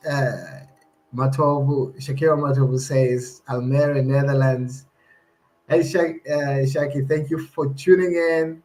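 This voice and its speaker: A man hosting a live online broadcast, enthusiastic and engaging his viewers over a video call. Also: mid-range voice. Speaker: host. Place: Leiden.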